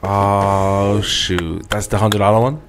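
A man's voice: fairly low pitch, fairly even intonation, takes it slowly, background noise. A man with a New York accent co-hosting a podcast, chatting casually and teasing with jokes. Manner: teasing, joking banter. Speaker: podcast co-host. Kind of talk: casual chat.

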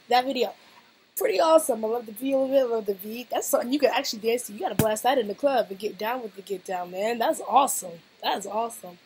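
This is a woman hosting a casual reaction vlog, talking off the cuff and wandering from thought to thought. Her voice sounds a bit hoarse, and she laughs easily between sentences. A faint background hiss sits under the recording. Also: on the high side, darkish tone, poor audio. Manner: chatty, rambling, laughs often. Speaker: reaction video host.

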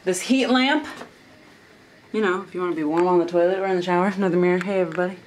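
A young woman casually vlogging and giving a room tour at a resort, chatty and excited. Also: fairly low pitch, fast. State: winded from stairs. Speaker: vlogger filming a resort trip. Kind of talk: casual vlog chat. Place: hotel resort, indoors and outdoors. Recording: noisy handheld camera audio.

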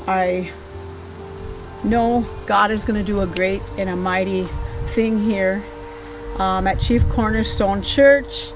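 A woman's voice: mid-range voice, slow pace, distant mic, noisy background. A middle-aged woman from Red Lake Nation, the pastor's widow, speaking fervently and emphatically about her faith outdoors. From Red Lake Nation, Minnesota. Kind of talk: testimony interview. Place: outdoors by a new church. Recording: voice from off the mic, music underneath.

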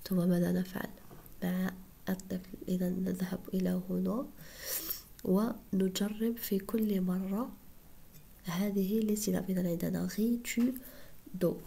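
A woman teaching French syllables to young pupils in a soft, breathy whisper, slow and patient, sounding out each syllable. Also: mid-range voice. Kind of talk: whispered online lesson.

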